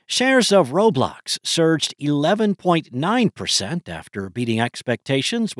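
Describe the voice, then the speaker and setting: A man's voice: a little high, no room sound, clean studio sound. A man hosting a podcast, reading scripted financial news. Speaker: podcast host.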